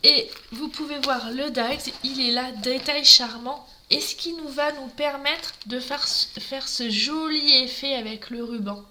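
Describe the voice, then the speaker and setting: Bright chatty French woman crafting live. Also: sits high, measured pace, hardly any pauses, slight background noise. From Normandy, France. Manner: chatty, greets live viewers by name. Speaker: craft demonstrator. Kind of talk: live papercraft tutorial. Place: home craft table.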